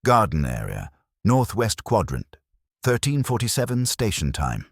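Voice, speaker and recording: A man's voice: lowish voice, wildly swooping pitch, a little slow, husky, dry recording, studio quality, pitched above the performer's own voice, exaggerated voice. A man doing a tense alien security chief. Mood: businesslike. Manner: quiet, urgent orders.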